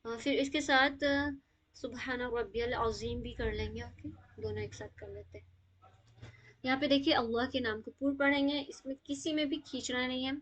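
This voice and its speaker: High-voiced woman teaching tajweed. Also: steady tone. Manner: patient, explains step by step, mixing in English words. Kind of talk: live online Quran recitation lesson.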